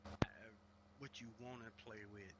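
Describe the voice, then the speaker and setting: A man co-hosting a gaming livestream in casual chat over an online voice call, halting and slangy, his voice choppy and cutting out mid-sentence. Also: medium pitch, very noisy. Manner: halting, restarts often, slangy.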